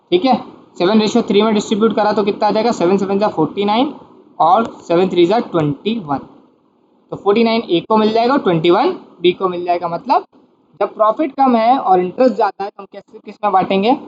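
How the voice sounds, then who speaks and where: A man's voice: high voice, a little mellow, highs cut off, a little hiss or hum. A man teaching an accounting lecture in Hindi mixed with read, explaining step by step and asking and answering his own questions. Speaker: commerce teacher.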